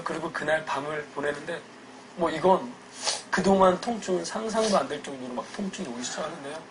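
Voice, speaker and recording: A man, a church deacon, telling his personal faith testimony in an earnest, emotional way, going from hushed to loud. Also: high voice, poor audio.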